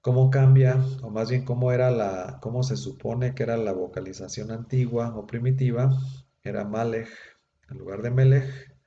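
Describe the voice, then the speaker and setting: A man's voice: medium pitch, fairly even intonation, moderate pace, mellow. A man teaching a Hebrew grammar class, explaining patiently with frequent "eh" and "este" fillers. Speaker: Bible institute Hebrew teacher. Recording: roomy echo, dull lo-fi sound, faint noise.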